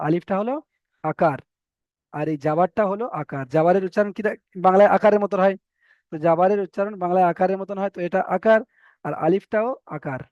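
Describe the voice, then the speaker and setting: High-voiced man teaching Quran reading. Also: a little mellow, no echo, lo-fi sound. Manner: patient, repeats letters slowly and drawn out. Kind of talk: online Quran reading class. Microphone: online class call.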